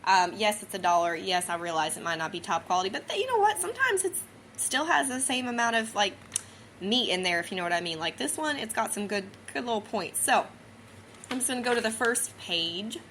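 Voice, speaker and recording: In a sing-song, mid-range voice that runs a little fast and a bit bright, a young Missouri woman with a southern accent rambles through casual chat on her own podcast, dropping lots of fillers. A little hiss or hum sits in the background.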